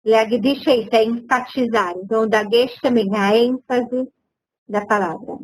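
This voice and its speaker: Woman, Hebrew teacher, online seminar, patient explaining, higher voice, dry close sound. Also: steady tone, moderate pace, slightly rough, no room sound, poor audio. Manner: explains patiently, searching for words.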